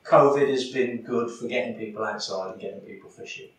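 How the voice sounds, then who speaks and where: A man with a mid-range voice chats briskly about angling on a casual podcast, full of fillers. The recording is echoey and roomy, as if he's far from the mic, with faint background noise.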